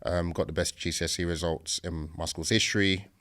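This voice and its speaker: A man's voice: low voice, steady tone, a little fast, a bit bright. A man with a south London accent telling his own story casually as a podcast guest, in a conversational, matter-of-fact way. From south London, England.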